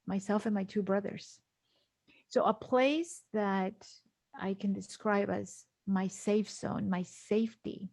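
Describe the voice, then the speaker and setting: A middle-aged Guatemalan woman, appearing as a podcast guest, tells personal stories in an interview. Her medium-pitched voice moves slowly and earnestly, with emphasis, and she often repeats a phrase to give it weight. The recording is dry, without any room echo.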